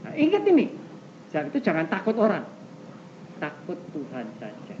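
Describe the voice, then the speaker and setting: An older man preaching a sermon as pastor, questioning the congregation directly and swinging between loud high exclamations and soft low asides. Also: huge pitch swings, moderate pace. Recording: muffled old tape recording with faint hiss.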